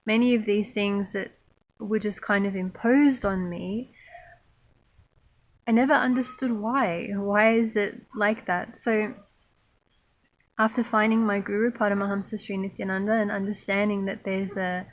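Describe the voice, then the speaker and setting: A woman raised in Australia, talking thoughtfully to camera about her spiritual path, pausing often with fillers. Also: mid-range voice, fairly even intonation, low-quality recording. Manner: slow, thoughtful, many pauses and fillers. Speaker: spiritual monastic vlogger. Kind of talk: reflective personal talk to camera.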